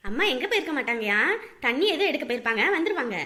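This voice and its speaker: A woman playing a bright, fussing neighbour auntie. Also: high-pitched, big pitch swings, racing, full character voice. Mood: soothing. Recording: faint music underneath.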